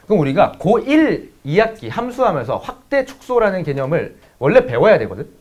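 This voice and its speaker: Animated swearing male math teacher. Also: sits high, fairly quick. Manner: blunt, swears freely, talks straight to students. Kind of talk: lecture with casual storytelling.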